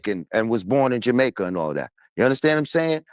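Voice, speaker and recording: A man's voice: medium pitch, big pitch swings, quick pace, no echo. A man in a casual panel discussion who argues bluntly and heatedly, swearing for emphasis. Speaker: podcast panelist.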